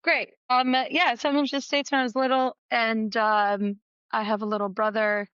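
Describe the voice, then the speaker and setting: A woman's voice: on the high side, little pitch movement, normal speed, a bit bright, clear, resonant tone, no room sound, highs cut off. A young woman from Argentina, a guest musician telling her story in a chatty, playful way over a video call. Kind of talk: casual interview chat.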